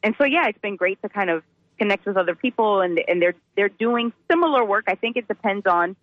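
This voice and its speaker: A woman guest speaks over a clipped phone line, her voice dull and dry. She talks thoughtfully, often hedging with small fillers. Her pitch sits in the middle range. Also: expressive, brisk, no echo. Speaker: guest, social worker.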